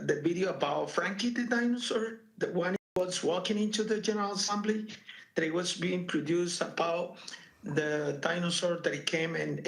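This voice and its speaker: A male journalist joining a press briefing by video call, friendly and halting with fillers. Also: a little high, vocal fry, fairly bright tone. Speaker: journalist asking questions. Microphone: remote video call. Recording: roomy echoey remote line.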